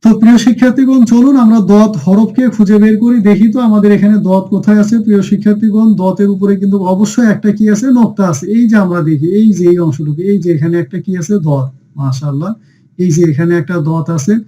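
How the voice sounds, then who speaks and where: A man's voice: high-pitched, fast talker, warm tone, highs cut off. A man teaching an online lesson on reading Arabic letters, drilling each sound by asking and answering himself and repeating it patiently. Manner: patient, addresses dear students often.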